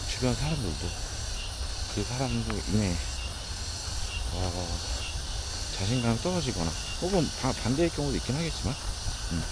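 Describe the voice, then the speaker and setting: A man thinks aloud in a casual vlog while walking outside. His voice sits at a middle pitch, with thoughtful pauses. Loud chirping insects and ambient noise run behind him. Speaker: vlogger talking about physiognomy and running. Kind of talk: casual, reflective spoken monologue. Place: outdoors, walking.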